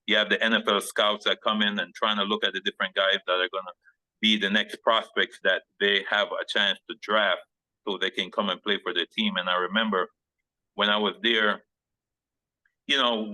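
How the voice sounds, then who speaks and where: A man's voice: fairly low pitch, sharp tone, no echo, low-quality recording. A man who is a former football player, telling a rambling story as a guest on a video call, with many restarts and small laughs.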